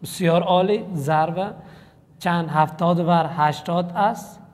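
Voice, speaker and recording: A man teaches a math class. He walks through each example step by step and keeps encouraging his students. His voice sits on the high side, and a long echo rings after it in the room. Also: darkish tone.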